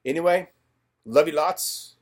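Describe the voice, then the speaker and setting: A man's voice: a little high, a little slow. Man reminiscing in a video message. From California. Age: middle-aged. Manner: warm storytelling, reminiscing, acts out quoted lines. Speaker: financial advisor. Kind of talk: personal video message to a friend.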